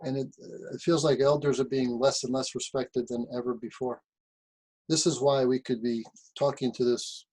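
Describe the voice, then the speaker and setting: A man's voice: mid-range voice, darkish tone, breathy edge, low-quality recording. A man who teaches martial arts, speaking as host in an earnest, reflective way about his teachers. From United States. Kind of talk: reflective talk to camera.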